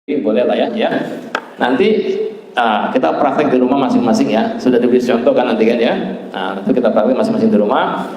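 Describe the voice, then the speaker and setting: A man's voice: mid-range voice, a little fast, darkish tone, heavy reverb, big-room sound, low-quality recording. A man leading a training course, talking straight to a seated class, quizzing them and ending many lines with "ya" and "Pak". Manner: talks to the class directly, asks them questions and tags many lines with "ya" and "Pak". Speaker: trainer of a back-pressure therapy course.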